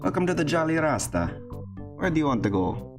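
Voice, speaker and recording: A man's voice: fairly high pitch, big pitch swings, fairly quick, pitched above the performer's own voice. A man voicing a laid-back male ferry boat captain with easygoing tour-guide patter. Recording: game music playing behind.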